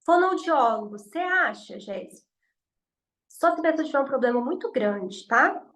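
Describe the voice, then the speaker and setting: An exam prep teacher from Minas Gerais talks informally to camera with a mineiro Brazilian Portuguese accent, her high, somewhat bright voice lively in intonation at normal speed over a rough recording. She gives chatty, reassuring exam advice and acts out things people say.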